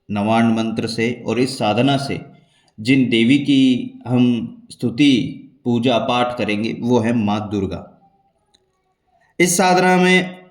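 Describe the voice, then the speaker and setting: A man guides listeners through a devotional ritual in a steady, measured way, repeating key points so nothing is missed. His voice sits at an ordinary middle pitch. The room around him rings with noticeable echo. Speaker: spiritual teacher. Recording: echoey room.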